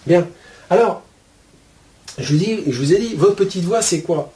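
A man teaching spiritual ideas to his viewers in a casual, colloquial way, with a steady stream of "hein" and "euh". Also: high voice, unhurried. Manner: chatty, explains with homely metaphors.

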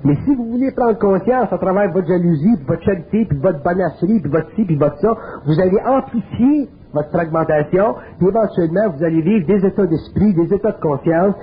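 A man's voice: high voice, lively intonation, fairly quick, hardly any pauses. A man with a Quebec French accent gives a spiritual lecture in a colloquial, earthy, emphatic way. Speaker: speaker. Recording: narrow phone-like old tape.

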